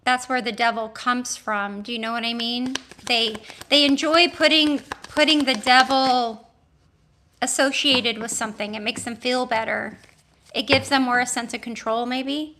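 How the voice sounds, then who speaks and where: A woman in her forties chatting casually on a livestream as a tarot reader, thinking aloud and talking warmly to her viewers. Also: on the high side, fairly even intonation. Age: 40s. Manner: chatty and musing, thinks aloud with restarts and drawn-out exclamations; addresses viewers warmly, with homely blessings.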